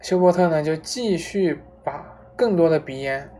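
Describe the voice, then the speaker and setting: A woman casually retelling a story aloud, relaxed, with frequent fillers and restarts. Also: low voice, normal speed.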